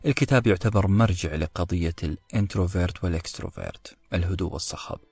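A man with a deep, slightly husky voice narrates a book-summary podcast in a reflective, storytelling manner, speaking directly to his listeners. The recording is dry and close, with soft music playing underneath. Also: fast, dry recording. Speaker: podcast host.

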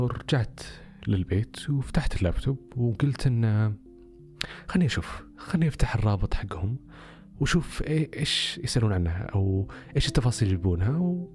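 A man's voice: mid-range voice, sing-song, quick pace, darkish tone, faint music behind. A man telling a personal story casually on a podcast, with many rhetorical questions.

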